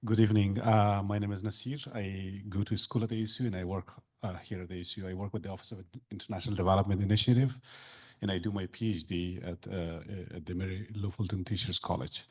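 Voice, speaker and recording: A man's voice: low-pitched, fairly even intonation, darkish tone, slightly rough. A man from Afghanistan, a doctoral student, earnestly asking a panel a question from the audience. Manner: earnest, halting.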